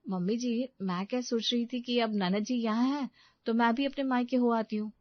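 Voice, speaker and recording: A woman voicing a meek, dutiful young daughter-in-law in a cartoon story, with a soft, deferential tone. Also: on the high side, steady tone, moderate pace, dry recording, muffled recording, close to an everyday voice.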